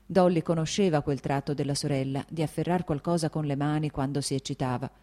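A woman narrating a novel as an audiobook with calm, steady reading. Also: deep voice, a little fast.

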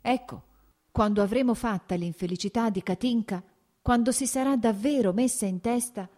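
A woman reading an audiobook, voicing an angry, blustering old prince who shouts and scoffs. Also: fairly high pitch, normal speed, pitched above the performer's own voice, natural voice. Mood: mocking. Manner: shouting, scornful, mocking.

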